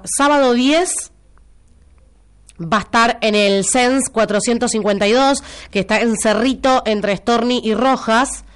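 A woman with a clean-toned voice on the high side runs a local radio show in Rioplatense Argentine Spanish, congested from a cold. The live chat is casual and built around listener messages, and she's chatty, teasing, and prone to repeating information for the audience.

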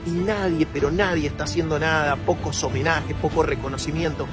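A man's voice: on the high side, steady tone, a little fast, over music. A man with an Argentine Spanish accent making an urgent, indignant video appeal.

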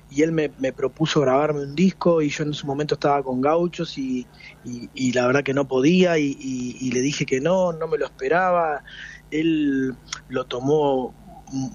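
A man in his forties with an Argentine Spanish accent, a folk singer, gives a radio interview, speaking reflectively and often restarting. His voice is a little high and slightly rough, with a darkish tone and the highs cut off.

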